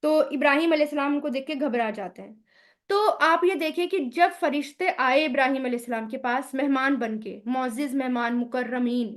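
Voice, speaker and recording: A woman with a high voice teaches Quranic Arabic grammar in a recorded lesson. She poses questions to her listeners and answers them herself, sounding out each vowel sound slowly.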